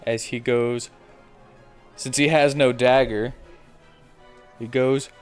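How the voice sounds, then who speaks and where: With music in the background, a game master guides a tabletop role-playing session, playfully narrating and mimicking combat with fun sound effects. He speaks slowly in a smooth, mid-range voice with fairly even intonation.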